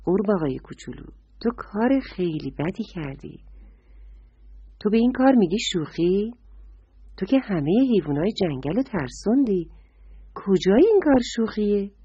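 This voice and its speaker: A woman's voice: fairly low pitch, big pitch swings, mellow, husky, no room sound, full character voice. A woman voicing a lady deer in a storybook tale, talking in an indignant, scolding way, on a dull lo-fi recording. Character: upset lady deer of the forest.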